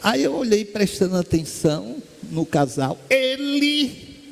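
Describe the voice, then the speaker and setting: A Brazilian man with a high voice gives a spiritist talk from a stage. He tells stories in a lively way and acts out the voices of the people in them. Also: slow pace, vocal fry. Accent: Brazilian Portuguese. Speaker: spiritist lecturer. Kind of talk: storytelling lecture. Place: lecture hall stage.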